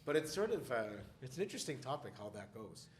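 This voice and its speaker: A man co-hosting a podcast in casual chat, a chatty, animated storyteller who laughs often. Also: medium pitch, quick pace, a little hiss or hum. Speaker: podcast co-host.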